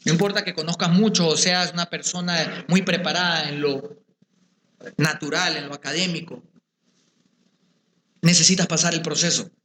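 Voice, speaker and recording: A man's voice: high voice, fairly bright tone. A man giving a preached lecture to pastors at a symposium, putting rhetorical questions and speaking straight to his listeners. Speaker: conference speaker addressing pastors. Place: symposium venue. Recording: echoey room sound.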